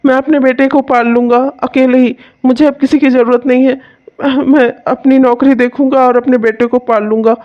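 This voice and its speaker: A woman's voice: high voice, flat delivery, moderate pace, close to an everyday voice. A woman voicing a weary young father in a cartoon who pleads and then gives up on marriage. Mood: resigned. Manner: pleading, resigned. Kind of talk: cartoon voice acting. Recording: dull lo-fi sound.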